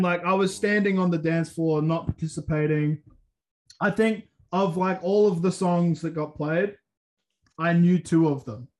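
Young male podcast host, crude and rambling, slightly high-pitched. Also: low-quality recording. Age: 20s. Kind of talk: casual podcast chat.

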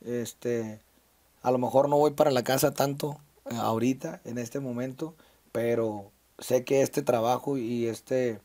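A man's voice: medium pitch, steady tone, measured pace, mellow. A man in his thirties from Sinaloa, Mexico, speaking as an interview guest, reflective and full of fillers and restarts. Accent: Mexican Spanish, Sinaloa. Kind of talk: casual conversational interview.

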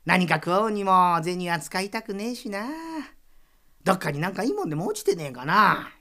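A woman voicing a stingy middle-aged Edo townsman who grumbles in rough street speech. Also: on the low side, very animated, a little fast, pushed and bright, voice pushed down, full character voice. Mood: chuffed.

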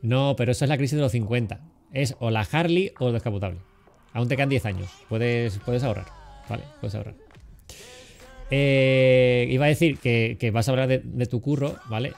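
A man's voice: medium pitch, brisk, darkish tone. A man in his forties from Cádiz, hosting a loose interview full of teasing and jokes. He stumbles over fillers and restarts, keeping things light. Faint music plays under his voice on what sounds like an online call. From Cádiz, Spain. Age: 40s. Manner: banters and teases, many fillers and restarts. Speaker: podcast host. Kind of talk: casual joking interview. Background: faint background music.

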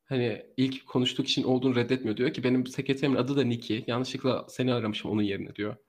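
Male podcast co-host, rapid animated true crime storyteller. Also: medium pitch. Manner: animated storytelling, laughs often.

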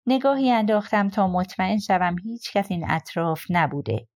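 Woman narrating a crime novel audiobook. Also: mid-range voice. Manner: measured, steady storytelling. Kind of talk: scripted narration.

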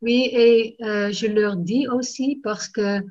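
A woman's voice: a little high, steady tone, takes it slowly, darkish tone, highs cut off. A Dutch-native woman and language teacher chatting casually in French, searching for words and slipping in English yeahs. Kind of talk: casual chat.

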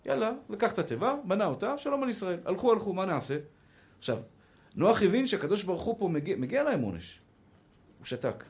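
Male rabbi with an Israeli Hebrew accent, high voice, animated preacher who acts out the dialogue he quotes. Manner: addresses listeners as brothers. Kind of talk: sermon.

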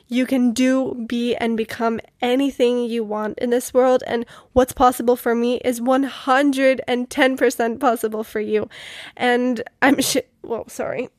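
A woman's voice: on the high side, no echo, studio quality. A young woman from the Czech Republic, a native Czech speaker, hosting her own podcast and chatting earnestly about her life, with lots of "like" and "you know". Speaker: podcast host. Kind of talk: casual solo podcast storytelling.

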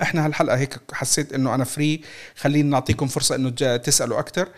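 Male sports podcast host with a Levantine Arabic accent, casual and chatty, rattling along at high speed. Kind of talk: casual football podcast chat.

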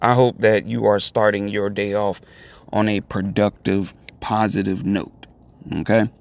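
A man hosting a solo podcast, giving commentary in deliberate, halting phrases with repeated words and emphatic pauses. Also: fairly low pitch, flat delivery, gravelly. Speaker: podcast host.

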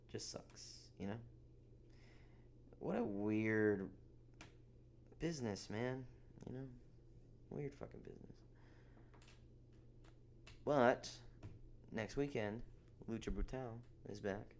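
Slow-talking, profane podcast host. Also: male voice, lowish voice, vocal fry, darkish tone, slight background noise. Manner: profane, rambling, sarcastic. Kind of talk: casual solo podcast rant.

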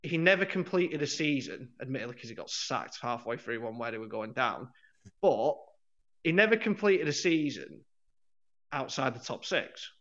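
A man's voice: mid-range voice, lively intonation, normal speed, fairly bright tone. A man co-hosting a football podcast in casual chat, rambling and correcting himself, laughing often. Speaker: podcast co-host. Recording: dull lo-fi sound.

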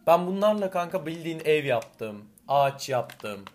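A man's voice: on the high side, normal speed. A young man co-hosting a casual chat show, with a playful, teasing way of telling stories. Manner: playful, teasing, animated storytelling. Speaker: podcast co-host.

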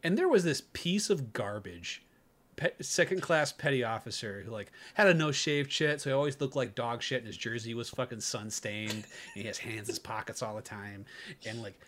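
A young man who is a former Navy corpsman, telling a war story in casual podcast chat, profane and animated, laughing through his punchlines. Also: medium pitch, normal speed.

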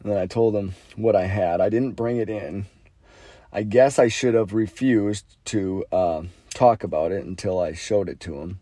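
A man hosting his own podcast, talking through his thoughts in a rambling, earnest way, with many fillers and sentences that trail off quietly. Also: lowish voice, normal speed, no echo. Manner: earnest, thinks aloud about faith. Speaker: podcast host. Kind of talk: reflective solo monologue.

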